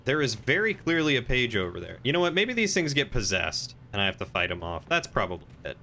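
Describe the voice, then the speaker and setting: A man's voice: mid-range voice, big pitch swings, fast talker, bright, forceful tone, slight background noise. A man giving casual, wry gameplay commentary as a streamer, playfully teasing the game's characters. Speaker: game streamer. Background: faint game sounds.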